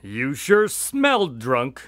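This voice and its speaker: An actor playing Watson as a dry, exasperated but dutiful friend telling a story in a radio drama. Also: male voice, mid-range voice, wildly swooping pitch, slow pace, a bit bright, no room sound, exaggerated voice.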